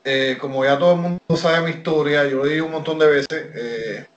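Appearing as a guest on an interview podcast, a wrestler from Puerto Rico tells his story with a Puerto Rican Spanish accent in a slightly high, fairly quick voice. He is animated and uses many fillers, often stopping to restart a phrase. The recording is muffled, and the room lends his voice a roomy echo.

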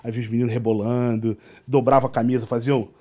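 A man's voice: mid-range voice, little pitch movement, fast talker, dark tone. A man with a Brazilian Portuguese accent, a tour guide guest telling a story in casual chat and acting out the dialogue.

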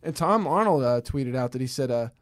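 A man's voice: mid-range voice, lively intonation, fairly quick, no echo, studio quality. A man co-hosting a podcast, chatting casually and rambling a little as he talks. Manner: rambling, with many fillers and restarts. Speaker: podcast co-host.

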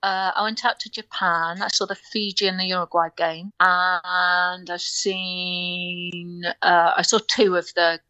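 An older woman from North Wales chats as a guest, a bubbly storyteller who laughs a lot and breaks into high squeals. Her voice is bright, forceful and resonant, level in tone and unhurried, recorded clearly with no echo though the audio is dull.

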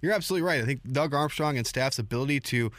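A man hosts a sports radio talk show in a middle-pitched voice. His delivery is dense and broadcast-like, stacking clause on clause. The sound is dry, with no room around it. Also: rapid-fire, a bit bright, dry recording. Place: radio studio.

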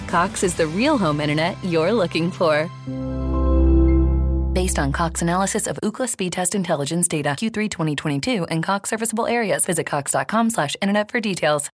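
A woman announcer with a mid-range voice reads a scripted ad, smooth and persuasive. Music plays clearly behind her. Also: mid-range voice. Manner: smooth, persuasive, fast disclaimer. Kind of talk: scripted ad read.

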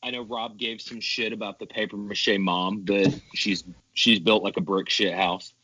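A man on a podcast panel, giving his film rating in a halting way with many fillers and some swearing. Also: on the low side, flat delivery, crowd noise, poor audio. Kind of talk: casual film discussion.

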